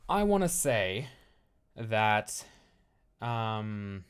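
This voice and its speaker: A man's voice: lowish voice, big pitch swings, extremely slow, smooth. Man, young adult, streamer, casual chat, rambling, frank, filler-heavy.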